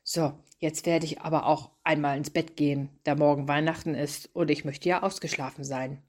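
A kind young father, read by a woman narrator, proud and a little tired, speaks gently and affectionately. Her voice stays low. It is a storybook reading, not a full impersonation. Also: fairly even intonation, moderate pace, close to an everyday voice. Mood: gentle.

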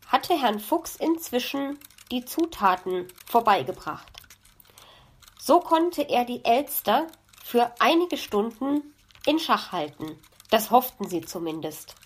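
A woman narrating a children's audiobook in a calm, lively storytelling manner. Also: fairly high pitch.

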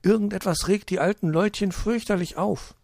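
Guy doing a nervous kitchen lady, high and apologetic. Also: normal speed, gravelly, darkish tone, no room sound, studio quality. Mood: anxious. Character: timid kitchen woman in a care home.

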